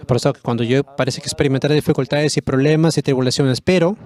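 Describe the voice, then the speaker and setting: A man preaching a sermon, his voice climbing on the words he wants to stress. He sits at a middle pitch and keeps a fervent, driving delivery, now and then breaking off to restart a phrase. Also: fairly even intonation, fast, a little mellow. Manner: impassioned preaching, voice rising on key words. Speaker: pastor.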